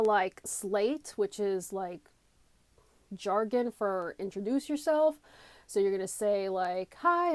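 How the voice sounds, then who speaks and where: A comedy coach and video creator talks through an unscripted tutorial in a chatty, emphatic style, poking fun at herself. Her voice is on the high side and a little mellow, with no room sound, picked up by a headphone mic in a small, cramped space.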